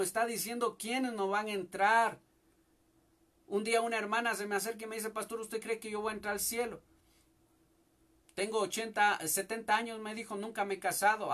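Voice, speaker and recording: A man's voice: high-pitched, bright, forceful tone. A young male pastor preaching a fervent sermon from a home church service, often calling out to his listeners as brother. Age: young adult.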